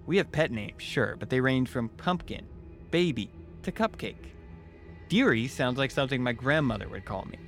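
A man with a mid-pitched voice narrates a scary story in the first person. It is a scripted storytelling read, with clearly audible music underneath.

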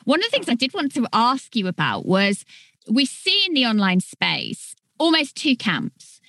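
A woman's voice: fairly high pitch, huge pitch swings, normal speed, a bit bright, no echo. A woman hosting a podcast, thinking aloud in long, winding questions to her guest. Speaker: podcast host. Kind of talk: conversational interview.

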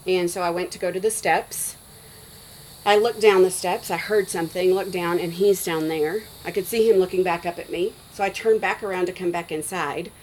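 A schoolteacher in her forties, appearing as a guest in a relaxed interview, tells a story in an animated, loose way, scattering "like" and "you know" throughout. Her voice sits a little low and moves at normal speed. The audio is poor, with a little hiss or hum.

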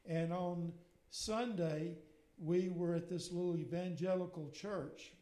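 A man's voice: high voice, steady tone, takes it slowly, mellow. Rambling older man, roomy echo. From Mississippi, USA. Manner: meandering, strings clauses with "and so anyway". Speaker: guest. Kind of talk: rambling personal storytelling.

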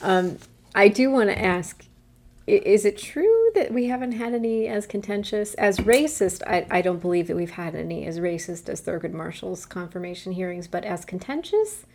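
A woman's voice: fairly low pitch, animated, normal speed, a little mellow. A woman co-hosting a podcast in casual chat, speaking earnestly and building to impassioned points. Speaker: podcast co-host.

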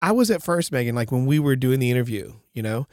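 A man's voice: medium pitch, expressive, fast talker, a little mellow, no echo, clean studio sound. A man with a congested, nasal voice hosting a podcast, chatting casually and emphatically, often repeating himself to make a point. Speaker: podcast host. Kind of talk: casual co-hosted podcast chat.

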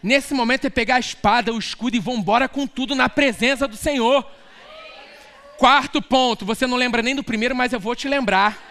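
High-voiced, animated Brazilian preacher man. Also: brisk. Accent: Brazilian Portuguese. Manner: animated, storytelling, shouts at peaks. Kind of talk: lively sermon.

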